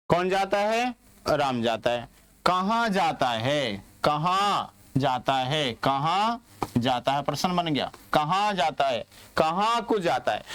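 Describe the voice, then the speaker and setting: Male teacher from India, slow and drilling, smooth voice. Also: fairly high pitch, no room sound. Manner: asks questions and answers them himself, repeats words slowly. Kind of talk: classroom grammar lesson.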